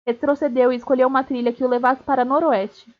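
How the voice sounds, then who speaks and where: High-voiced woman reading a novel aloud. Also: quick pace. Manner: steady reading with small slips and restarts. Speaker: streamer reading a book aloud. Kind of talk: live read-aloud of a novel. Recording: dull lo-fi stream audio.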